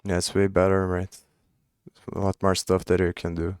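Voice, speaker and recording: This coding streamer, a young Brazilian speaking English with a Brazilian Portuguese accent, chats casually while working, thinking aloud and often restarting or trailing off. His deep voice is completely flat, moderately paced, slightly mellow and smooth, captured dry at studio quality.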